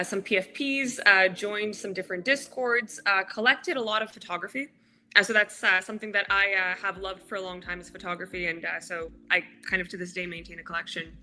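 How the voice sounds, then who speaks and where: Woman guest, very bright tone, halting delivery full of fillers. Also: medium pitch. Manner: halting, frequent filler sounds. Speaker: podcast guest, crypto project cofounder. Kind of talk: casual interview talk.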